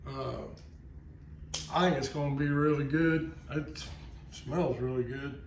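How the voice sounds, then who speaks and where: A man's voice: mid-range voice, fairly even intonation, slow, far from the mic, slight background noise. A man from Texas with a Texan accent, chatting casually while he cooks in his kitchen, folksy and full of asides. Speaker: cooking vlogger. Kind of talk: casual cooking chat. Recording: echoey, from off-mic, frying in background.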